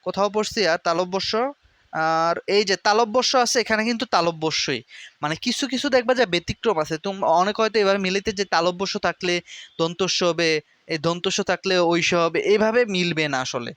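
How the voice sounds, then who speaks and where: A young man teaching a pronunciation lesson, repeating each word slowly to drill it. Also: sits high, fairly bright tone, no room sound.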